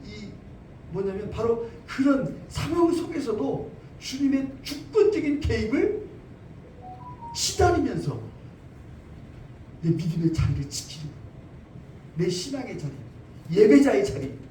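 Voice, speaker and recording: Male pastor preaching in a church, lively swooping high voice, mellow tone, emphatic repeats; caught from a distance. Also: measured pace, long pauses, slight background noise. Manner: emphatic, repeats phrases, asks rhetorical questions. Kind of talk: sermon. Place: church sanctuary. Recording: roomy, distant church recording.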